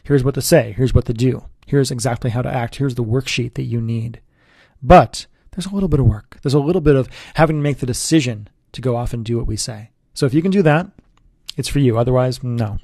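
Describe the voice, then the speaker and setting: A man, a relationship coach, giving an earnest, persuasive sales pitch straight to the listener. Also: a little fast, vocal fry, warm tone, husky, no room sound, clean studio sound.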